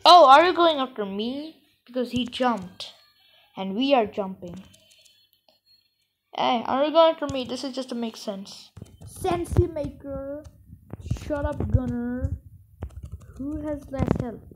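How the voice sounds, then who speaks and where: A woman with a fairly high voice gives rambling, excitable let's-play commentary while playing a co-op game. She jumps from cheering to playful trash talk aimed at her teammate. Faint background noise sits under her voice. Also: slow pace, pauses often, low-quality recording. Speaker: gamer playing co-op.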